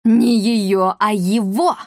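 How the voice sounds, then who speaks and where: A woman's voice: medium pitch, steady tone, takes it slowly, no echo, clean studio sound, close to an everyday voice. A woman voicing a nasty, scheming old male apothecary who sneers and threatens in an audiobook. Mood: sneering.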